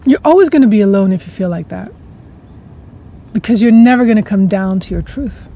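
A woman's voice: mid-range voice, animated. A woman hosting a podcast, musing at length in a reflective spiritual monologue. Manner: slow, musing, with soft laughs and trailing repetitions. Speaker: podcast host.

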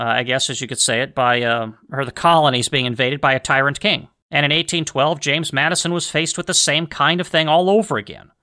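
An American man talks in a slightly high, bright and pressing voice with a very dry, close sound. He offers opinionated solo podcast commentary, earnest and emphatic, circling back on phrases to stress them. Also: no echo. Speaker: history podcast host.

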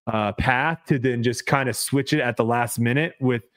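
A man's voice: mid-range voice, fairly even intonation, normal speed, fairly bright tone. A man hosting a podcast, reading a sponsor ad and then chatting loosely, repeating words as he goes. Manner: rambling, repeats words, laughs easily. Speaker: podcast host. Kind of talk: casual podcast chat with ad read.

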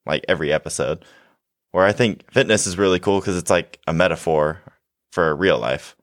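A young man with a very deep voice talks in a relaxed, reflective way. He works through his ideas with analogies, as a podcast host would. The sound is dry and close. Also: moderate pace, no room sound. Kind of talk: casual podcast chat.

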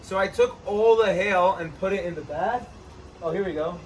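A man hosting a casual outdoor chat, giving energetic, joking fitness advice beside an ice bath. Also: high-pitched, moderate pace, distant mic, slight background noise, low-quality recording. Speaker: host, trainer.

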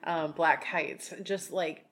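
A woman's voice: low-pitched, fairly even intonation, slow, a bit bright. A woman from Oregon co-hosting a podcast in casual chat, chatty with many fillers and frequent laughs. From Oregon, USA. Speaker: podcast co-host.

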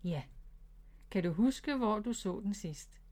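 A woman voicing a patient, gentle mother rabbit teaching her son, in a storybook read-aloud. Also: mid-range voice, animated, natural voice.

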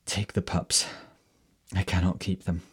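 Storybook heroine, young woman, hoarse and sorrowful, quiet, voiced by a male storyteller with a deep, husky tone. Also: little pitch movement, a little slow, heavily acted.

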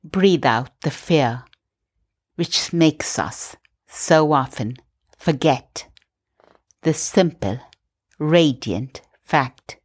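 Slow, low-voiced woman guiding prayer. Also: breathy edge. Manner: slow, soft, calm guiding. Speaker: meditation host. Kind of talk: guided prayer meditation.

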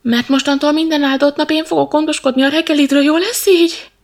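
A woman voicing a cheeky, hot-tempered little male monkey in a storybook reading, loud, high and excitable. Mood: excited.

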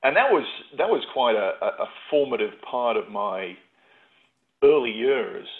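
A man's voice: mid-range voice, animated, a little slow. A middle-aged man from North Yorkshire, a podcast guest telling his story in a reflective, stop-and-start way. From England, North Yorkshire. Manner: reflective, with frequent restarts. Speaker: podcast guest, patent consultant. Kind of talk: casual interview talk. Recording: tinny phone-like line.

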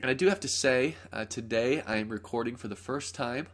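A man's voice: medium pitch, a little fast, fairly bright tone. A man hosting a solo podcast, a bit under the weather with a nasal, congested voice, teaching in a casual, rambling way with frequent self-corrections. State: congested from a cold. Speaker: podcast host. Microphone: close podcast mic.

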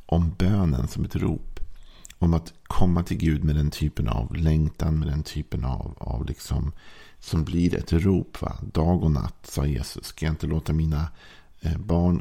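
A male pastor giving a calm, reflective devotional sermon, reading scripture and pausing often with fillers. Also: very deep voice, vocal fry, breathy edge.

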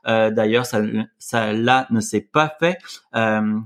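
A man's voice: fairly low pitch, slow pace, a bit bright. A man co-hosting a podcast, reading news items with frequent hesitations. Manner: reads news items with fillers. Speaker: podcast co-host. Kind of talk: casual podcast news chat.

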